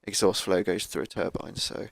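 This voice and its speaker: A man with a croaky voice from a cold, casually talking through car tuning as he plays a game on a cheap microphone. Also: deep voice, fairly even intonation, normal speed, no echo, clean studio sound. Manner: thinking aloud, laid-back, with fillers. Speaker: gaming YouTuber. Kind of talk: casual gameplay commentary.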